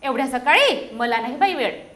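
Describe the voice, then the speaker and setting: A woman's voice: high voice, lively intonation, normal speed, a bit bright. A woman voicing a busy little female sparrow in a storybook read-aloud, snappy and dismissive. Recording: echoey room.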